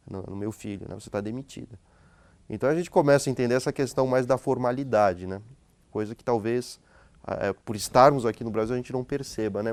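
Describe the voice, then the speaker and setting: A man's voice: mid-range voice, a little mellow, no room sound. Male academic guest, mid-range voice, dry close sound, chatty explainer who keeps tagging his sentences with questions. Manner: frequent tag questions and hesitant restarts. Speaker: guest sociologist and professor. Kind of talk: relaxed explanatory conversation.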